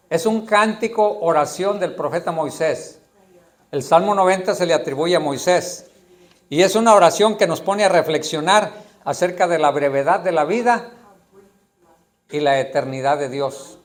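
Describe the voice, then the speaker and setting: A man preaching a sermon with a notably high-pitched voice. He delivers it emphatically as a pastor, repeating his points and putting questions directly to the congregation.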